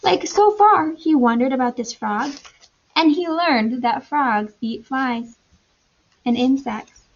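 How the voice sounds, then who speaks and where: With a high-pitched voice, a female teacher brings a story to life for little kids, pausing for questions and simple, repeated explanations. The sound quality is lo-fi.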